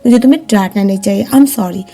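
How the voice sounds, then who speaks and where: A woman's voice: mid-range voice, quick pace, gravelly, warm tone, voice pushed down. A woman reading as a stern scolding young CEO.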